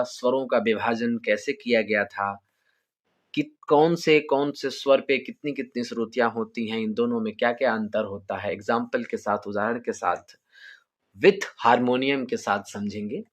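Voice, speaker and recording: A man teaches music theory with a harmonium beside him, in a voice of ordinary middle pitch. He explains slowly and patiently, repeating each point and checking that the listener follows. The harmonium can be heard in the background. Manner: sings sargam syllables louder as examples. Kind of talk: harmonium tutorial.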